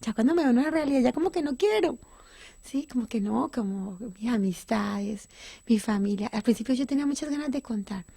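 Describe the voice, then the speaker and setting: A woman's voice: on the high side, expressive, brisk, gravelly, dark tone, slightly rough. A middle-aged woman giving an earnest, emotional personal testimony in an interview, often restarting and correcting herself.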